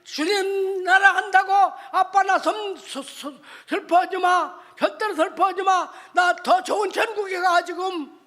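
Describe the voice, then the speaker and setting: A trusting young son near death, gentle, high-voiced, church reverb; a male pastor voices him. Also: fairly even intonation, a little slow, hardly any pauses, full character voice. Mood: consoling.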